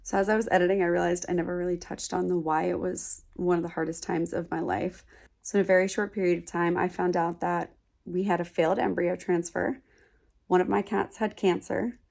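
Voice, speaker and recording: A woman's voice: on the low side, little pitch movement, brisk, gravelly, a little mellow. A woman in her thirties, a startup founder, talking openly and reflectively in a casual to-camera vlog. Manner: open, reflective, chatty. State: sick, congested voice.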